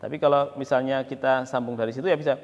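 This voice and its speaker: A man teaching Quran recitation to a class, drilling students, counting aloud and chanting verses slowly. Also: medium pitch, steady tone, a little mellow, muffled recording. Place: mosque hall. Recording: long mosque reverb.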